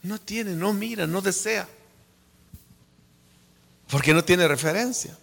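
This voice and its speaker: Guatemalan male preacher, Guatemalan Spanish accent, slow and drawn-out, whispers to shouts, echoey hall. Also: high voice, gravelly. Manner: dramatic swings from hushed whispers to fervent shouts. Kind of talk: sermon.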